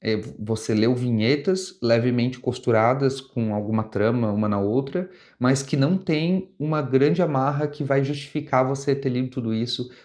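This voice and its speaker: A young adult man with a Brazilian Portuguese accent hosts a comics review channel, his medium-pitched voice a little mellow. He talks casually and conversationally, often restarting and rephrasing as he goes.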